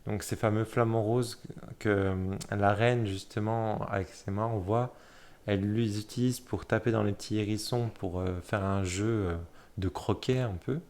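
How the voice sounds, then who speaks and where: A man with a somewhat low voice walks through a tarot deck card by card. His talk is loose and halting, with frequent fillers and quick corrections. He keeps stopping to admire each card in a soft, plain tone. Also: steady tone. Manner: hesitant, many fillers and self-corrections; admiring, soft-spoken commentary. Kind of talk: casual deck flip-through.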